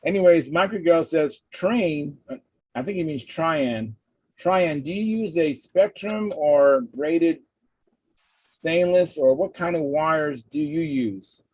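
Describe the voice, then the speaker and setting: A man's voice: a little high, slow pace, darkish tone, husky, dry recording. Man hosting a casual livestream, dry close sound. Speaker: host of a hobby livestream hangout. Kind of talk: casual chat, reading out viewer comments. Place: live online video hangout.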